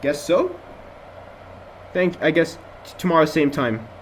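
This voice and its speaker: At a measured pace, a young man from Jordan speaks in a slightly high voice with an American accent. As a student lecturer on an online voice call, he rambles through a casual review session, chatty, with many fillers and restarts. A little hiss or hum comes through his computer mic.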